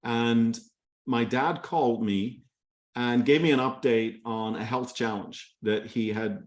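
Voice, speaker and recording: A man's voice: mid-range voice, takes it slowly. Enthusiastic man with a light Belfast accent. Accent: light Belfast Irish. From Northern Ireland. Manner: enthusiastic, storytelling, with many fillers and restarts. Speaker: company leader speaking on a kickoff call. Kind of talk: motivational talk on a group call.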